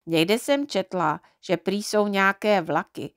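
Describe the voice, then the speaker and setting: A woman's voice: mid-range voice, no echo, clean studio sound, close to an everyday voice. A woman voicing a curious, chatty little girl mite from a storybook, speaking in an eager, questioning tone.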